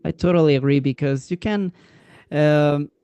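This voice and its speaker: Smooth, fairly high-voiced male interviewer. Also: moderate pace, mellow, no echo, lo-fi sound. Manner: hesitant, full of "uh" fillers, laughs along. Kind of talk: casual interview.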